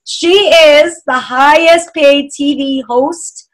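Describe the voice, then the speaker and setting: Host, female, New York accent, high voice, brash chatty panel banter. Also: slow pace, low-quality recording. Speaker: talk show host. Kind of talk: casual panel chat.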